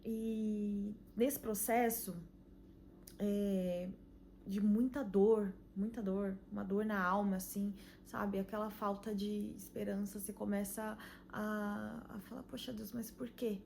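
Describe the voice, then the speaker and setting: A young Brazilian woman sharing an earnest, emotional faith testimony, full of pauses and "you know?" tags. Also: medium pitch, level tone, vocal fry, darkish tone, slight background noise. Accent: Brazilian Portuguese. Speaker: channel host giving a faith testimony. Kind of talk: personal testimony vlog.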